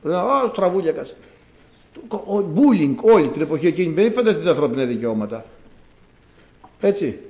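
Animated preacher in an echoing church. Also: male voice, on the high side, long pauses. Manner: dramatic storytelling with acted-out quotes. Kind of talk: sermon.

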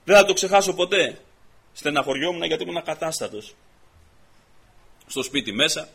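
Fervent preacher guy, bright tense husky voice, keeps hammering the same lines. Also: fairly high pitch, very animated. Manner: fervent, builds to loud repeated exhortations; peppers stories with repeated "I say". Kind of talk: testimony sermon.

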